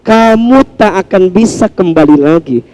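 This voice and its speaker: A man's voice: high voice, expressive, normal speed, darkish tone, no room sound, rough recording. A man preaching a sermon, often asking the audience a question and answering it himself. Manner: switches into heartfelt, pleading acted prayers.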